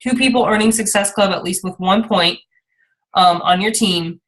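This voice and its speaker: Here a team leader and coach runs a casual training call meant to motivate her group. Her voice is medium in pitch and her speed is ordinary, and she drifts a bit while frequently asking how her listeners are doing and cheering them on.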